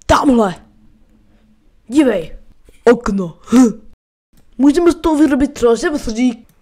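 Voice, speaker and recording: A woman's voice: fairly high pitch, animated, dark tone. A woman voicing a bumbling, crude male handyman in a comedic fan dub, swearing and bickering.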